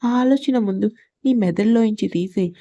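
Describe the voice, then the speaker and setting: A woman's voice: medium pitch, moderate pace, dark tone, no room sound, muffled recording, lightly acted. A woman voicing a stern young husband who talks bossily and teases his wife in a storybook reading. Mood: firm.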